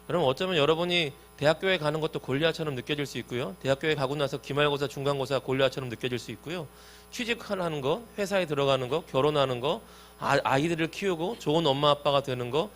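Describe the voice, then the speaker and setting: Brief: male youth pastor, slightly high voice, preaching in a lively, direct way to teens. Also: a little hiss or hum. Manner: lively, talks directly to listeners. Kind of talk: youth sermon.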